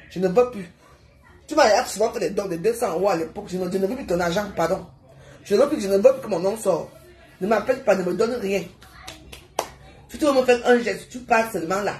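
A woman, hosting a heated live stream and scolding her viewers with rapid rhetorical questions. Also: medium pitch, darkish tone, roomy sound.

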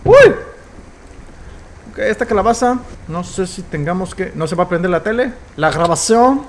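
Excitable Mexican gamer with a slightly high voice. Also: male voice, moderate pace, a little hiss or hum. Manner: excitable, swears freely, stammers when telling stories. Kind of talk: casual let's play commentary.

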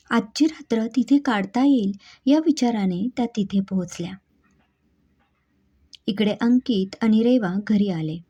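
A woman host narrates a scripted story in a calm, measured voice. Her tone is mellow and breathy. The recording sounds dull and lo-fi. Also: mid-range voice.

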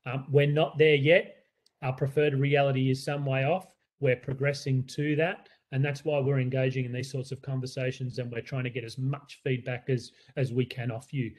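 A man's voice: medium pitch, little pitch movement, normal speed, darkish tone. An Australian man who leads a school, presenting to parents in an earnest, conversational way with many fillers and restarts. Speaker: school leader.

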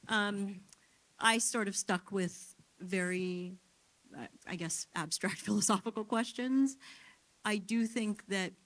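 Woman answering academic questions, halting. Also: medium pitch. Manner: thoughtful, halting, many restarts and "um"s. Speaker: conference speaker answering questions. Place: theater hall at a conference.

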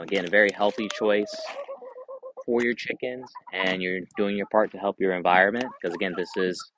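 A man in his thirties talking casually outdoors in a backyard, in a relaxed way with fillers and restarts, as he reviews chicken feed for his vlog. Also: fairly low pitch, poor audio. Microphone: camera on a tripod a few meters away. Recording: faint outdoor noise with hens clucking. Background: chickens clucking.

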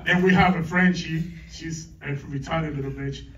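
A man's voice: fairly high pitch, steady tone, moderate pace, slight background noise. A middle-aged man doing a stand-up comedy set on a club stage, teasing the crowd with crude banter. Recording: echoey club, distant mic, dull lo-fi.

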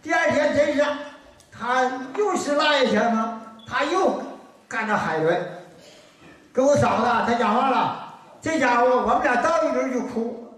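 A man's voice: very high-pitched, animated, moderate pace, long pauses, a bit bright. An older man from Northeast China with a Northeastern Mandarin accent, telling stories in an earthy, colloquial way during a lecture. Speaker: folk lecturer. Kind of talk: storytelling lecture. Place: lecture hall. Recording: very echoey hall from far off.

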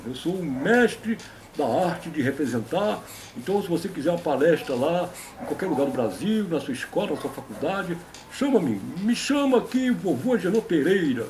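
In a comic puppet interview sketch, a man voices a boastful older grandpa puppet with a very high yet darkish voice. The character is folksy and pompous, lecturing like a veteran of stage and war and repeating a stock affirmation, with faint noise in the background.

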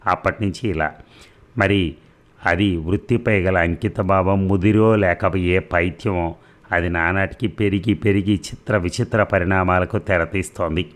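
Man doing a hushed, weary young wife. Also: low-pitched, steady tone, measured pace. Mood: complaining. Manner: hushed, complaining.

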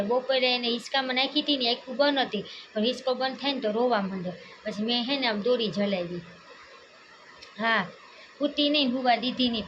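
High-voiced young mother, doting and chatty, home vlog, dull noisy audio. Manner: chatty, doting, talks to her small daughter. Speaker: family vlogger, mother. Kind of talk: casual home vlog chat. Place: home, indoors. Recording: dull muffled home audio with loud background noise.

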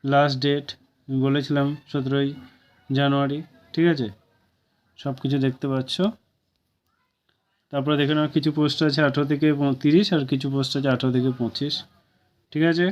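A man's voice: mid-range voice, little pitch movement, moderate pace, pauses often. A man with a Bengali accent, going through a job vacancy notice for viewers in a casual, chatty way and checking in often to ask if they follow. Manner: casual, keeps asking "okay?" to viewers. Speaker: job news presenter. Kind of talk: informal job-vacancy explainer. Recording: dull lo-fi recording.

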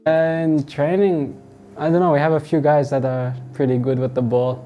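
A young man from Australia, a football player answering interview questions in a relaxed, halting way with many fillers. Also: fairly high pitch. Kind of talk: sit-down interview. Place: indoors in front of a wall of football boots. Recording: music playing underneath.

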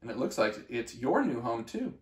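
A man doing a gentle young orange tree. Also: mid-range voice, big pitch swings, normal speed, roomy sound, natural voice. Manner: gentle, reassuring.

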